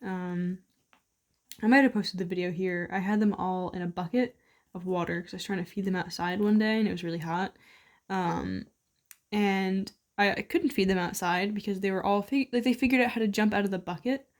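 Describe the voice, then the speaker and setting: A woman with a voice at an ordinary pitch talks casually to the camera while feeding her toads. She coaxes the animals in a soft tone and tells loose, rambling stories full of fillers. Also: a little fast. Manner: chatty storytelling with frequent fillers. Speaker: toad keeper filming her pets. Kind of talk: casual vlog chat.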